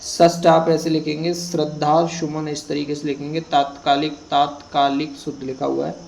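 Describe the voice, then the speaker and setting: A man teaching Hindi spelling, reading out a word list slowly and repeating each word for students to copy. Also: fairly high pitch, flat delivery, gravelly, a little mellow, a little hiss or hum, rough recording. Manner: slow, repetitive word-by-word dictation. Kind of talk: exam prep lesson, reading word list.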